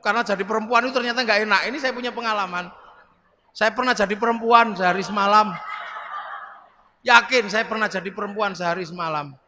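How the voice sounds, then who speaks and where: A middle-aged man giving a humorous sermon, telling stories in an animated way and acting out the voices. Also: high-pitched, quick pace. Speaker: preacher. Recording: reverberant hall, faint background noise.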